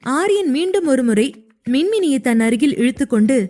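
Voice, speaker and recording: A woman narrating an audio story in an even, steady reading voice. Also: high voice, moderate pace. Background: faint music.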